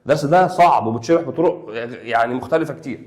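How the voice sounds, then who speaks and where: A man's voice: medium pitch, a little mellow. A young man with an Egyptian Arabic accent, teaching a math lesson online in a playful, coaxing way and talking to his students like friends. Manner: rapid, playful and coaxing, talks to students as pals.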